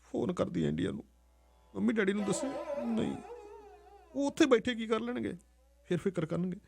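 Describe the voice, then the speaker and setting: A man voicing a frightened young woman who speaks softly and tearfully. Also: lively intonation, normal speed, creaky. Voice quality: high, soft, tearful.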